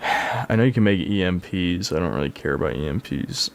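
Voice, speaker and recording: A man's voice: low voice, lively intonation, brisk, slight background noise. A man in his twenties chatting casually on a live gaming stream, rambling and swearing in a bro-ish way. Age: 20s. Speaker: game streamer.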